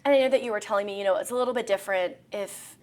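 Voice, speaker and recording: A woman's voice: mid-range voice, rapid-fire, a little mellow. A woman interviewing someone in a conversational style.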